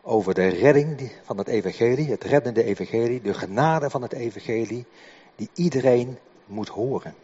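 An older man giving a sermon in a halting way, often repeating words as he explains. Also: mid-range voice, warm tone, husky. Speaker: preacher. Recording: dull echoing hall recording.

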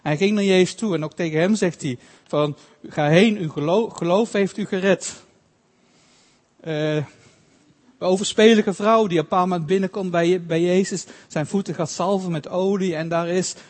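A man preaching a sermon, earnest and halting with frequent restarts, slowing down whenever he quotes scripture. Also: high-pitched, fairly even intonation. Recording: long hall reverb.

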